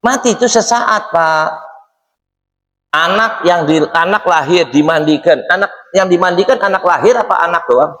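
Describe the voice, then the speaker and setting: Lively high-voiced preacher, echoey hall. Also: male voice, moderate pace. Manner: lively, questioning the audience in a teasing way. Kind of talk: mosque study sermon. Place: mosque hall. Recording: echoey mosque hall reverb.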